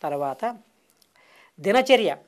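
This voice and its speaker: A woman speaking as a spiritual teacher in a devotional discourse, her voice sitting at an ordinary middle pitch. She lays out her teaching in rhythmic lists of short, repeated phrases. She breaks in with long, drawn-out exclamations. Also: expressive. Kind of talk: devotional discourse answering questions.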